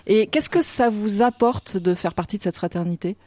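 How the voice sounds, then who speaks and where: A woman hosting a radio interview, asking gentle probing questions and rephrasing what her guests say. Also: mid-range voice, normal speed, dry recording. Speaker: radio host.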